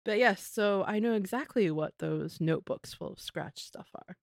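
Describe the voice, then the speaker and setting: A woman co-hosting a casual podcast, joking in a deadpan way. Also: mid-range voice, normal speed, vocal fry, no echo, studio quality. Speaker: podcast co-host.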